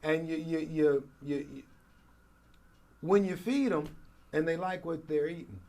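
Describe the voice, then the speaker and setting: Pitched on the high side with a warm tone and a slightly slow pace, this middle-aged American broadcaster spins stories as an interview guest. He runs a radio program and hosts its morning show, and his delivery is polished and emphatic, leaning on repeated phrases.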